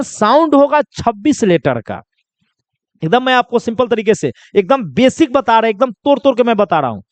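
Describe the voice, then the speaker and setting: Speaking in a smooth, crisp, high voice, a male English teacher from India keeps posing a question to children and then supplying the answer himself in a basic lesson. There's no room echo; the sound is dry.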